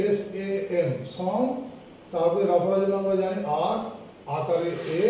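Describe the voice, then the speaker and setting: The speaker is an English teacher, a man whose high, mellow voice carries through a very echoey room, distant and backed by a slight hiss. At the board he proceeds slowly and patiently, frequently checking that everyone is following along.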